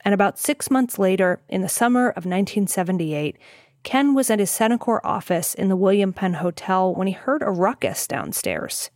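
A woman hosting and narrating a documentary podcast, with a measured, scripted storytelling delivery. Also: medium pitch, expressive, a little mellow, no room sound.

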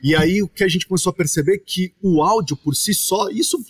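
A man from Brazil, a podcast guest, explaining his topic at length in casual chat with animated asides. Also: high voice, fairly quick, slightly rough.

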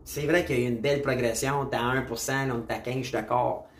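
A man with a Quebec French accent delivers a casual opinion monologue straight to camera. He is blunt and emphatic, drops English slang into his French, and keeps coming back to the same punchy catchphrases. His voice sits at an ordinary pitch and carries a noticeable room echo. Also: steady tone, quick pace, a little hiss or hum. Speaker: political commentator. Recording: roomy echo.

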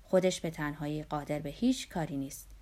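A woman's voice: deep voice, fairly even intonation, mellow, close to an everyday voice. A woman reading the lines of a cynical middle-aged male doctor in an audiobook, in a dry, lecturing manner. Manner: dry, lecturing, sweeping claims.

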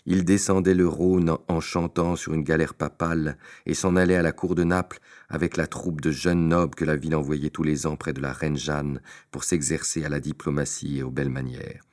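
A man's voice: rumbling low, flat delivery, normal speed, few pauses, a little mellow. A man narrating a classic tale as an audiobook, with theatrical, varied emphasis. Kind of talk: expressive storybook narration.

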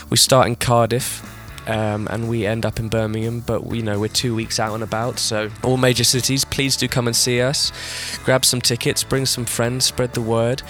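A man's voice: mid-range voice, a bit bright. A man hosting a podcast, chatty and upbeat as he signs off to listeners. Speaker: podcast host and musician. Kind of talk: casual podcast chat.

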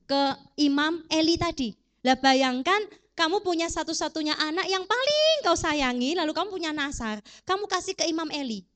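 A woman preacher giving a sermon in a casual, animated way, asking the congregation rhetorical questions. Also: extremely high pitch.

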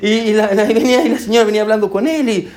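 A male pastor races through a sermon in church in a high, darkish voice, sharing a personal story. He peppers it with "amén" and "hermano" and slips English words in.

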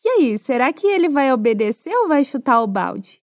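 A Brazilian woman teaching French to Portuguese speakers, explaining clearly and patiently with playful asides. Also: high voice, sing-song, normal speed, dry recording, studio quality. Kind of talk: language lesson for Portuguese speakers.

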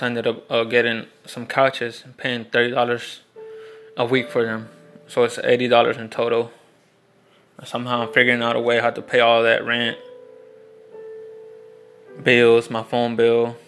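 Young guy just talking, rambly vlog story, bright kinda flat voice. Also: medium pitch. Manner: rambling, many restarts and fillers, frank. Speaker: vlogger. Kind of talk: casual storytelling monologue.

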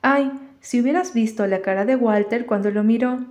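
Brief: woman playing a spirited storybook girl, high and eager, mellow tone. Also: normal speed, lightly acted. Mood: earnest. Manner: pleading, excitable. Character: spirited young girl, pleading and lively.

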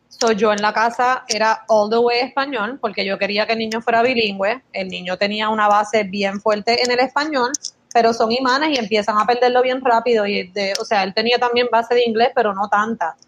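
This podcast guest, a Puerto Rican woman in her thirties, talks at normal speed in a high-leaning voice, though the recording loses its highs. She shares her experience through lively, casual storytelling, mixing English into her Spanish.

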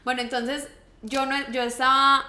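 A bright, fairly high young woman with a Colombian accent tells a story in casual podcast chat. She keeps it lively and acts out what people said. The room gives her voice a noticeable echo. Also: moderate pace, slight background noise. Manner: lively, animated storytelling with acted-out quotes. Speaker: podcast co-host.

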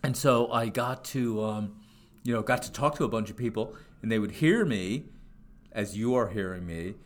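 Low-voiced man in his sixties, rambling jokes. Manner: jokey, rambling with many fillers. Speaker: podcast co-host. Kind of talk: casual chat.

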